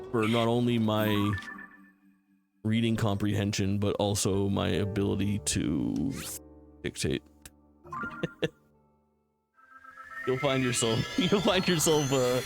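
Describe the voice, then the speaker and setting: A man's voice: lowish voice, vocal fry. An American man streaming a video game, chatting loosely with viewers and swearing as he plays. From United States. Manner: loose and profane, joking with chat. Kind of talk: casual game stream chat.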